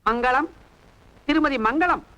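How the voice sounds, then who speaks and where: An actor playing a pompous older professor who speaks in stiff, elaborate literary Tamil in a 1991 film. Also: male voice, very high-pitched, measured pace, sharp tone, full character voice, rough recording. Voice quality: formal, elaborate literary diction. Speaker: professor neighbour.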